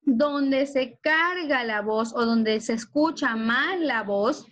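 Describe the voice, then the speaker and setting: A woman teacher from Ecuador giving an online class and explaining slowly with worked examples. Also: high voice, fairly bright tone. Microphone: video call.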